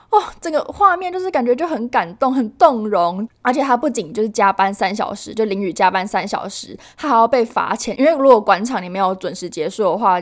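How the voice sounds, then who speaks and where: Chatty young Taiwanese woman host. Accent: Taiwanese Mandarin. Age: young adult, about 19. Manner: chatty, many fillers and frequent pitch jumps for emphasis. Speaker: podcast host. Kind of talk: casual news-recap podcast.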